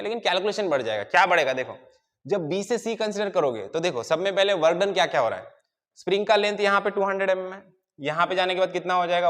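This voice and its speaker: Guy teaching mechanics, kinda high voice, lots of "right?", echoey hall with a long ring. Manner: explanatory, repeatedly checks in with students. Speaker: engineering teacher. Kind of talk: whiteboard lecture.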